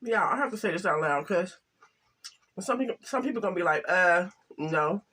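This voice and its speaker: An older woman chatting casually to camera while eating, halting and soft-spoken, with some stutters. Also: mid-range voice, lively intonation, husky. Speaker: mukbang vlogger.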